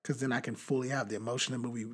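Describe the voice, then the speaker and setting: A young adult man co-hosting a podcast, talking in a rambling, animated way with many fillers and restarts. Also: medium pitch, very fast, husky. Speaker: podcast co-host. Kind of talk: casual chat.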